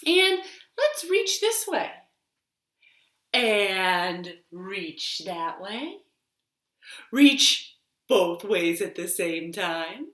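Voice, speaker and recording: A librarian acting as a children's storytime host speaks in a medium-pitched, sharp-toned voice. She leans into a sing-song rhythm, elongating repeated words and giving simple, encouraging instructions, recorded in a reverberant living room.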